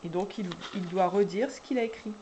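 A woman preschool teacher guiding parents through a syllable dictation, speaking slowly and deliberately and drawing out each syllable. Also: mid-range voice, mellow, a little hiss or hum. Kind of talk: instructional video for parents.

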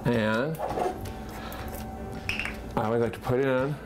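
A man, hosting a casual home cooking demonstration and talking through each step in a relaxed, chatty way. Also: mid-range voice, takes it slowly. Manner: relaxed, chatty, thinks aloud with fillers. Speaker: cooking show host. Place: home kitchen, indoors. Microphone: fixed camera at a distance. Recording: home kitchen with background music. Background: background music.

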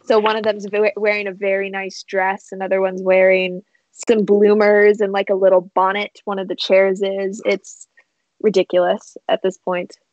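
A woman narrating a tabletop role-playing game as game master, in a relaxed, rambling way with many fillers. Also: medium pitch, normal speed, dry recording, dull audio.

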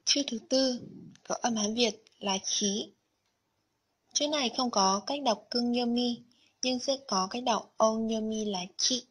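A woman teaching a Japanese lesson in a slow, unhurried, scripted narration. Her voice sits a little high and has a soft, breathy edge. She explains each word and kanji carefully, one by one.

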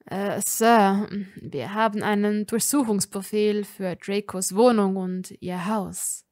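A woman's voice: mid-range voice, slow, darkish tone, natural voice. A woman voicing an embarrassed male officer who speaks hesitantly and apologetically. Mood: apologetic.

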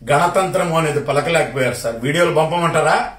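A man's voice: a little high, a bit bright, roomy sound. Rayalaseema guy going off on a minister, question after question, sounds far from the mic. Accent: Rayalaseema Telugu. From Kadapa district, Rayalaseema, India. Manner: sarcastic, confrontational, rapid rhetorical questions. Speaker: party supporter. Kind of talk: political rant to a minister.

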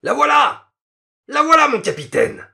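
A man voicing a coarse young cavalry soldier who shouts and teases in a raised, strained pitch. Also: wildly swooping pitch, unhurried, gravelly, full character voice. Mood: excited. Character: rough, loud young cavalry soldier, mocking.

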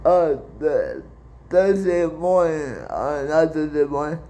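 A young man recaps a hockey game alone into a close phone camera in a small room. His voice sits a bit high but sounds mellow and soft-edged. He goes slowly and haltingly, often stalling and repeating words before he finds the next one. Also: animated. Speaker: sports channel host. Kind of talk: solo postgame reaction recap. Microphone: phone camera close up from below.

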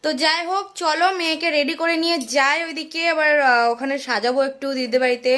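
A woman chatting casually to her viewers in a home vlog, her voice a little hoarse. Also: high voice, steady tone, fast talker, fairly bright tone. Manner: chatty, addresses viewers directly. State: voice getting hoarse. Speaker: vlogger.

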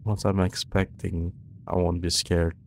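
A man's voice: sits low, level tone, a little slow, vocal fry, darkish tone, a little hiss or hum. A young man giving casual, nervous, jumpy commentary as he plays a horror game, muttering to himself into a close microphone. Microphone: close microphone on boom arm, headset worn.

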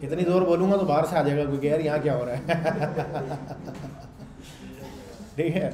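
A man teaches a class in a loud, conversational way, often stopping to check that students are following. His voice sits a little high but sounds mellow and dark. The recording carries the echo of a classroom, with faint noise behind him. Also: fairly even intonation, measured pace. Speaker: lecturer. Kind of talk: classroom lecture. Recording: echoey room with faint background noise.

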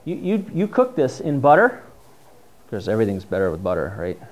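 A fairly low, slightly mellow male voice swings hugely in pitch and moves briskly. The middle-aged speaker, with a New England accent, teaches mushroom foraging in a dim classroom using slides on a projector screen, talking casually and eagerly while a distant camera records.

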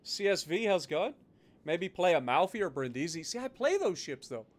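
High-pitched man streaming games, sweary. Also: sing-song, normal speed. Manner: sweary, exasperated griping. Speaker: live game streamer. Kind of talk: casual live gaming commentary with chat.

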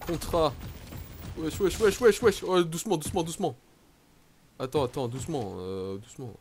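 A young man from France giving excitable, swearing commentary while playing a game, shouting in panic at times. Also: on the high side, moderate pace, slight background noise. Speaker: gaming YouTuber. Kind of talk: let's play commentary.

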